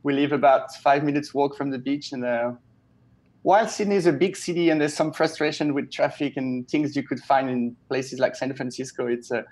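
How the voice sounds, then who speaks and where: A man in his thirties from Switzerland, a web developer, talking in a relaxed, chatty and enthusiastic way as a guest on a video call from a small home office, speaking into an earphone headset. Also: mid-range voice, brisk. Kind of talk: casual video-call interview.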